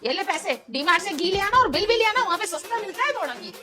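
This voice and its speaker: A woman's voice: very high-pitched, expressive, fast, over music. A woman playing a thrifty mother who hands out errands and counts the cost. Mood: bossy. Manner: bossy, counts costs.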